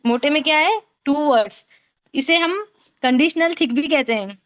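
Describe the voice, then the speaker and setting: High-voiced woman teaching an online class. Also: moderate pace, fairly bright tone. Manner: patient, explanatory, repeats sounds for drilling. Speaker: Quran recitation teacher. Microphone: video call.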